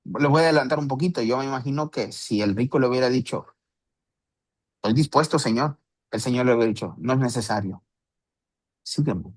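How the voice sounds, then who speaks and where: Male Bible teacher, mid-pitched, casual explanatory delivery. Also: fairly quick, long pauses. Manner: conversational, with rhetorical questions and restarts. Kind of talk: Bible study talk.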